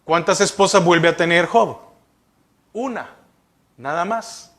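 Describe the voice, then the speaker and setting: A man's voice: high-pitched, slow pace, a bit bright. A male pastor preaching a sermon, asking the congregation rhetorical questions.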